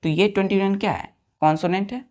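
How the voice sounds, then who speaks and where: A man's voice: high voice, steady tone, quick pace, darkish tone. A man teaching English pronunciation as a classroom lesson, repeating words and checking often that the students follow. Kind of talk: classroom lesson in spoken Hindi.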